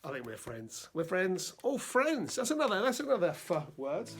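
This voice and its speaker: A man presenting a gentle lesson for under-fives, unhurried and halting with little fillers. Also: high voice, huge pitch swings, slightly rough. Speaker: children's presenter.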